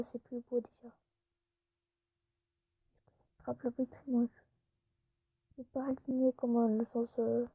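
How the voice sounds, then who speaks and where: A woman's voice: fairly high pitch, breathy edge, no room sound. A woman YouTuber giving casual gameplay commentary, chatty and often dropping into whispered asides. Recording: tinny phone-like recording.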